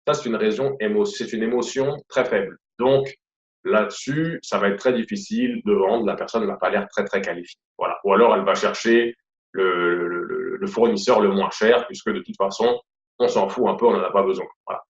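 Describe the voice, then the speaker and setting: A man's voice: lowish voice, normal speed. Chatty Quebec French man teaching sales. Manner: chatty, repeats "voilà" and "tout simplement", many fillers. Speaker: sales trainer. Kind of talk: casual online sales lesson. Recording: roomy, dull lo-fi audio.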